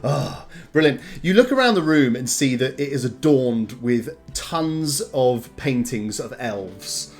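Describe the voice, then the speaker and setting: A man narrating a tabletop game as game master, in a halting way full of fillers and restarts. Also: mid-range voice, lively intonation, darkish tone, soft background music.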